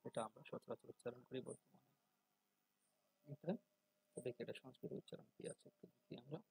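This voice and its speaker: A man teaching Sanskrit pronunciation, explaining in plain talk and then chanting words slowly and loudly. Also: medium pitch, fairly even intonation, vocal fry, breathy edge, rough recording. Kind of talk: spoken lesson on verse pronunciation.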